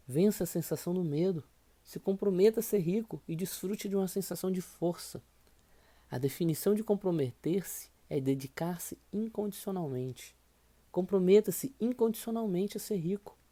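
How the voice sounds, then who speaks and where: A man delivers a motivational course lesson in a dark, mellow voice. He speaks emphatically and pushes the listener to repeat affirmations out loud. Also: high-pitched. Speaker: course instructor.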